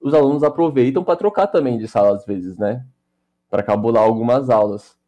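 A young man, chatting on a podcast in a relaxed, slangy way full of fillers. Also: medium pitch, fairly quick, highs cut off. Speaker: podcast co-host. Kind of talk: casual storytelling chat.

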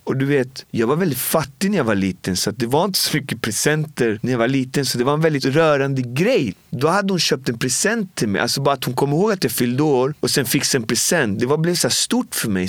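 A man's voice: mid-range voice, no echo, clean studio sound. A man in his forties sharing a personal story in an interview, talking casually and from the heart, often quoting what people said. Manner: casual and heartfelt, with frequent filler words and quoted dialogue. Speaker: guest.

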